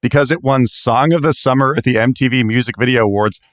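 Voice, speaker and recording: A man's voice: mid-range voice, quick pace, a bit bright, no echo, clean studio sound. A man guesting on a comedic podcast, enthusiastic and giggly as he tells stories. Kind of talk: casual comedic chat.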